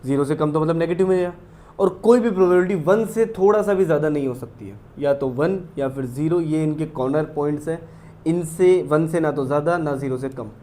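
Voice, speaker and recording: A man with an Indian accent teaching a maths lesson. He explains step by step, reads English definitions slowly and keeps asking his students if it is clear. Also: a little high, warm tone. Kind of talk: classroom lecture mixing Hindi and English.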